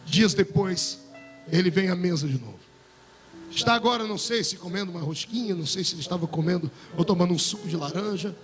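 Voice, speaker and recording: A male pastor preaching a fiery sermon, building into shouts and sing-song cries. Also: high-pitched, fast. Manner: impassioned preaching, swelling into shouts and near-singing. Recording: music under a long hall reverb.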